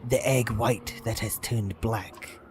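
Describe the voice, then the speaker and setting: A man voicing an ancient monumental serpent that speaks slowly and menacingly. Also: fairly low pitch, fairly even intonation, slight background noise. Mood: ominous. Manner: slow, drawn-out, ominous delivery.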